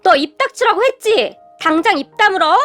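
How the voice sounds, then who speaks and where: A woman's voice: extremely high pitch, sing-song, normal speed, a bit bright, faint music behind, pitched above the performer's own voice, heavily acted. A woman voicing a bratty adult sister-in-law who shrieks and whines tearfully. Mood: screaming.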